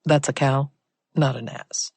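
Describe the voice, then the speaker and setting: Audiobook thriller: woman playing a quick, teasing female sleuth. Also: rumbling low, steady tone, gravelly, darkish tone, breathy edge, dry recording, heavily acted. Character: quick-witted woman handwriting expert, teasing.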